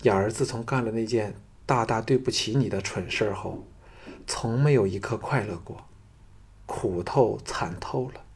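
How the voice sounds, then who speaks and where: A man's voice: lowish voice, moderate pace, gravelly, breathy edge, exaggerated voice. A man voicing a lovesick young noblewoman who begs and pleads breathlessly. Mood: pleading. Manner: breathless, imploring.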